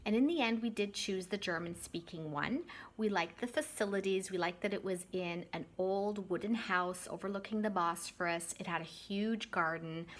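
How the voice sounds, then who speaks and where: At a moderate pace and medium pitch, a Canadian woman in her thirties who teaches English and vlogs on YouTube chats casually to camera. She talks to her viewers in a friendly, direct manner, revising her words as she speaks.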